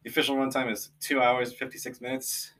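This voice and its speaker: A man co-hosting a casual podcast, easygoing, pausing often with "um" as he recommends films and plugs the show. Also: medium pitch, little pitch movement, sharp tone. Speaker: podcast co-host. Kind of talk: casual chat.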